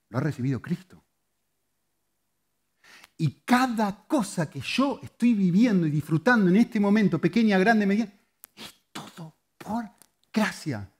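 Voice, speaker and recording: A man preaching a sermon, moving between loud, emphatic lines and soft, hushed ones. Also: high voice, husky. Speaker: pastor.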